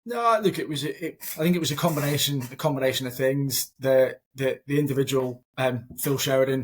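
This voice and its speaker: There's slight background noise as this medium-pitched Scottish man, a company founder in his thirties, talks over a video call from a small home room. He's earnest and tends to repeat words while thinking.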